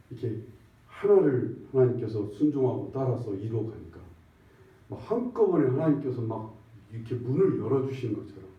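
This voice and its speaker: Man preaching in an echoey church. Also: mid-range voice. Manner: conversational preaching, swinging from loud emphatic exclamation to hushed near-whisper. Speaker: pastor. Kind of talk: sermon. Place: church sanctuary. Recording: echoey dull church recording from far off.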